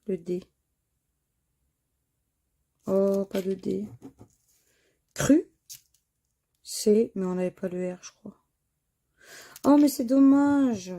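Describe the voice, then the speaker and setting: A woman with a warm, medium-pitched voice scratches lottery crossword tickets for her scratch card vlog, chatting casually. She reads out the words and letters one at a time and sighs when they miss.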